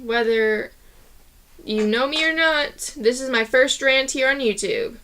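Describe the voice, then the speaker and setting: A woman's voice: high voice, sing-song, a little slow, bright, forceful tone, a little hiss or hum. A young adult woman ranting casually to her viewers, chatty and reassuring, with sudden outbursts. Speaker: vlogger. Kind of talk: casual advice rant to camera.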